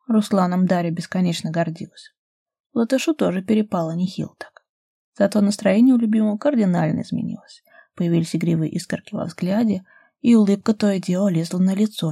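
Woman narrating an audiobook, husky. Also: medium pitch, warm tone, dry recording, studio quality. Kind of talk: scripted narration.

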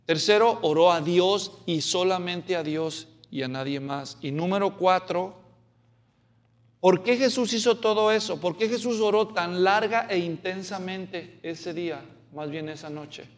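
A man with a high voice and a measured pace preaches an expository sermon. He speaks in an animated way, asks the congregation questions, and acts out the quotes.

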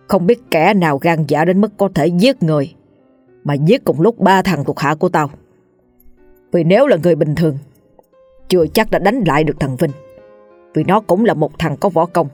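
A woman voicing a cruel, hot-tempered old village landlord who snaps gruffly. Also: fairly low pitch, darkish tone, no echo, close to an everyday voice.

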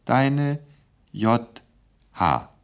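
A man's voice: mid-range voice, sing-song, extremely slow, gravelly, clear, resonant tone, pitched above the performer's own voice, heavily acted. A man reading aloud the earnest letter of a sentimental dog-loving man.

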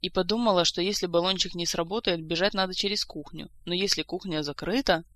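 An audiobook narrator reading a fantasy story with lively storytelling. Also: mid-range voice, brisk. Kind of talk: scripted narration.

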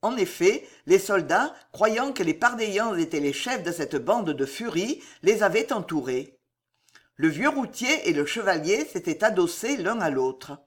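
Audiobook narrator reading an adventure novel, pitch rising and falling a lot, measured and expressive.

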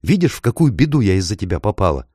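A man voicing a haughty, quick-tempered young noble girl who snaps indignantly. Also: lowish voice, big pitch swings, mellow, breathy edge, no echo, studio quality. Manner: indignant, snapping.

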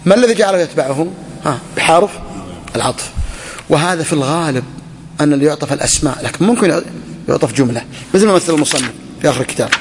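A man gives a classroom grammar lesson, voice sitting slightly high. He says each phrase twice and keeps asking the students whether it is clear. A long reverb trails his words through the hall. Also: animated, very fast. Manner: repeats phrases, quizzes students with questions. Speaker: teacher of Arabic grammar.

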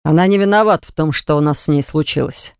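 A woman's voice: low-pitched, quick pace, darkish tone, smooth, dry recording, clean studio sound. A woman narrator voicing a grown man, an eldest brother, who answers tersely and defensively. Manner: terse, sighing.

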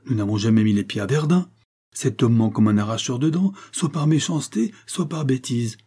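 A man's voice: medium pitch, expressive, normal speed, mellow, husky, pitched above the performer's own voice. A man voicing an impetuous, hot-headed young man. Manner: impetuous, indignant.

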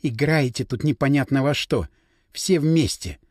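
A man's voice: medium pitch, animated, measured pace, dry recording, studio quality. A man voicing a haughty, contemptuous young woman of about thirty who speaks with scorn in an audiobook. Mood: scornful. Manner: scornful, insulting.

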